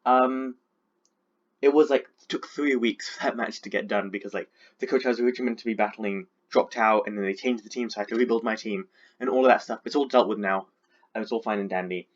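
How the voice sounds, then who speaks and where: Fast and fairly low-pitched, a competitive Pokemon league coach with a sore throat from being sick rambles casually through a breakdown of his team, using plenty of fillers. The high frequencies are cut off.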